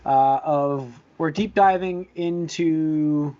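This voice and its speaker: Speaking slowly in a dark tone, a man with a slightly high-pitched voice hosts a podcast in a casual, chatty way. He rambles, drifting from one point to the next, and the audio sounds somewhat dull and lo-fi.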